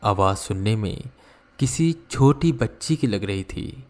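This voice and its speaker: Casting: a male horror story narrator with a low voice and an unhurried delivery. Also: animated, darkish tone.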